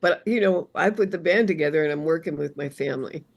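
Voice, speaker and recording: An older woman reminisces as a podcast guest, pausing and restarting as she works through memories. Her voice sits close and dry, with little room around it. She laughs easily between thoughts. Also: low voice, gravelly, dry recording, low-quality recording. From born in Arizona, raised in Philadelphia area. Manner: reflective, halting, laughs easily. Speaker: guest, radio jazz presenter. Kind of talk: candid interview conversation.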